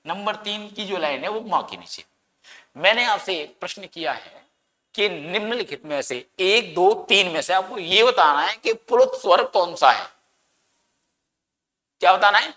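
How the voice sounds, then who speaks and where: A man with a high, bright, forceful voice leads an exam-prep grammar lesson, quizzing his students and answering the questions himself while dramatically drawing out words for emphasis. Long, echoing reverb fills the recording.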